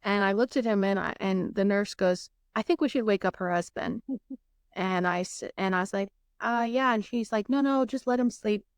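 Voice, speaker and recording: A woman's voice: mid-range voice, moderate pace, clear, resonant tone, no room sound, studio quality. A young woman hosting a podcast, telling a personal story candidly and emotionally, acting out what others said and swearing now and then. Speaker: podcast host.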